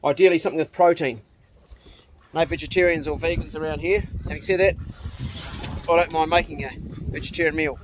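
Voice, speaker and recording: A man's voice: on the high side, fairly even intonation, a little fast, pauses often, background noise. A middle-aged man with a broad New Zealand accent, chatting casually to camera in a laid-back, blokey, slangy way. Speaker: vlogger. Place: around a house: kitchen, yard and glasshouse. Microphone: phone at arm's length.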